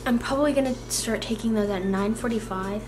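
A woman's voice: mid-range voice, a little fast, music in the background. A teenage girl vlogging in casual chat, talking with a slight new lisp and lots of fillers. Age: teens. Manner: chatty, filler-heavy, bubbly. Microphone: camera mic.

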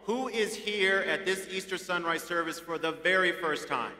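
A man's voice: high voice, normal speed, heavy background noise. A middle-aged man presiding over an outdoor Easter service, welcoming the crowd in an upbeat, joking way at a podium microphone. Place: large outdoor amphitheatre. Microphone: podium mic. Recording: echoey outdoor PA with long reverb.

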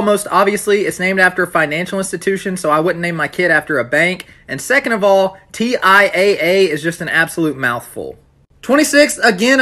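Bright-voiced young man, dry sarcasm. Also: high-pitched. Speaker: vlogger. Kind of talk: talking-head ranking commentary.

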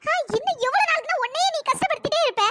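A woman's voice: very high voice, animated, rapid-fire, a bit bright, no room sound. A woman voicing a worried younger sister in a cartoon story, earnest and pleading.

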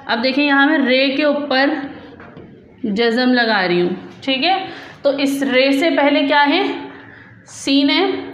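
Slow, high-voiced patient woman teacher. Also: fairly bright tone. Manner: slow, patient, repeating each word for pupils. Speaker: school teacher. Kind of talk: teaching an Urdu reading lesson to young children. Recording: echoey classroom with faint hum.

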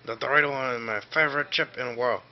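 Man acting out male chip salesman mascot, eager, insistent, home-video skit, dull sound, clear hum. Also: mid-range voice, fairly even intonation, fast, voice pushed up, natural voice.

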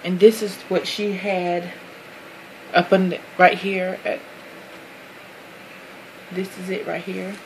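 A woman's voice: lowish voice, level tone, takes it slowly, pauses often, noisy background. A woman chatting casually to her viewers while unboxing a handmade craft box, gushing over each detail, apologizing often and calling everyone "guys.". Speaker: craft vlogger.

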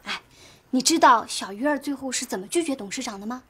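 A gossipy young coworker, husky. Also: female voice, high voice, fast. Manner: chatty, teasing. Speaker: office coworker. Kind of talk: TV drama acting.

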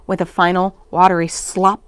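A woman reading a children's story aloud in an expressive, dramatic way for a library. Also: fairly low pitch, normal speed, clear, resonant tone, dry recording.

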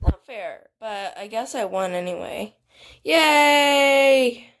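A young woman casually commenting on a game she is playing, excitable and chatty, often gasping and laughing. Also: mid-range voice, a little slow. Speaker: gaming channel host.

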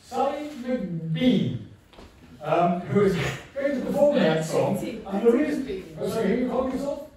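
A man's voice: high-pitched, lively intonation, brisk, dark tone, a little hiss or hum. Older man rambling jokily on a gig stage. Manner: rambling, self-mocking and jokey. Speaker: musician hosting his album launch gig. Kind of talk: live stage banter between songs. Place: music venue with a live audience. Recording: echoey club from far off, crowd.

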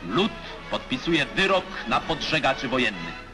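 A man's voice: mid-range voice, sing-song, normal speed. A man giving formal, declamatory narration for an old 1950s newsreel. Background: music.

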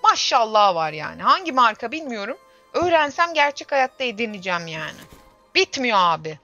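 A young woman with a bright, forceful voice chats through a gameplay livestream, exclaiming and grumbling to herself as she plays. The audio is dull and lo-fi, with faint game music under her voice. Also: on the high side, sing-song, brisk. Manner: chatty, exclaims and grumbles to herself while playing. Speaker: streamer. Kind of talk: casual gameplay livestream chat.

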